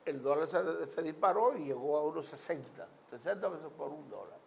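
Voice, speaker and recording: Animated and brisk, a Dominican man with a fairly high, gravelly voice and a Caribbean Spanish accent holds forth on social and political issues to his audience. His oratorical, emphatic style relies on repeated lists and rhetorical questions, and slight background noise can be heard.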